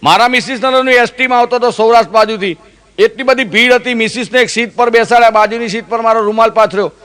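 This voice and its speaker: A man's voice: very high-pitched, fairly even intonation, fast, fairly bright tone, smooth. A man from Gujarat telling stand-up jokes, acting out the characters in his stories with mimicked voices. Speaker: comedian.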